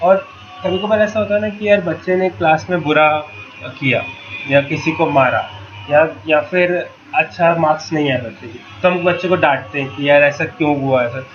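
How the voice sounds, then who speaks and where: Man, high voice, patient workshop explainer, muffled lo-fi recording, loud background noise. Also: normal speed. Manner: patient, asks rhetorical questions, casual "yaar" asides. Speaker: workshop facilitator for parents. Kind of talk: explanatory talk to parents. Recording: dull lo-fi with loud ambient noise.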